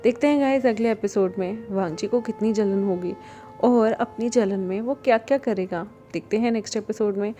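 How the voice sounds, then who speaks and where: A woman's voice: mid-range voice, normal speed, dark tone, faint music behind. A woman retelling a story in a chatty, casual way, talking to her listeners.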